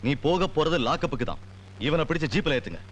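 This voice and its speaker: An actor playing an aggressive, sneering police officer, barking confrontationally in dramatic film dialogue. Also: male voice, on the high side, lively intonation, fast, slight background noise, lightly acted. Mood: threatening.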